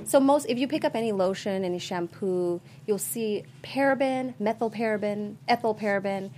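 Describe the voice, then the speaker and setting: A woman from Sri Lanka, a guest on a talk show, explaining her fitness routine and skincare products in an earnest, measured way. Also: mid-range voice, warm tone, slight background noise. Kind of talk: casual talk-show chat.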